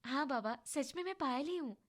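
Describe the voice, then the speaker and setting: A woman voicing a shy, gentle young wife who speaks softly and hesitantly. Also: high-pitched, expressive, fairly quick. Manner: soft, quiet and hesitant.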